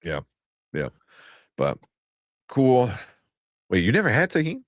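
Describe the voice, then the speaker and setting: A man's voice: medium pitch, wildly swooping pitch, slow pace, dry recording, clean studio sound. A man hosting a casual live chat show, laughing often and rambling loosely between topics. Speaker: podcast host.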